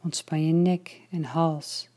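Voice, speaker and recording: A woman leading a guided relaxation, her voice low and mellow. She talks slowly and softly, sometimes dropping to a whisper. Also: steady tone. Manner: slow, soft and soothing, partly whispered.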